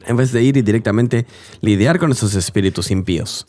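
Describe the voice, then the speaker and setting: A man's voice: mid-range voice, fairly quick, darkish tone. A man telling his testimony earnestly as an interview guest, in a dubbed voice-over of an interview.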